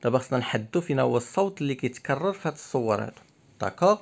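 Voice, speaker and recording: Man, teacher, gravelly voice, says each word twice. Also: mid-range voice, animated, very fast. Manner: explains French instructions in Arabic. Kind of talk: workbook lesson for young pupils.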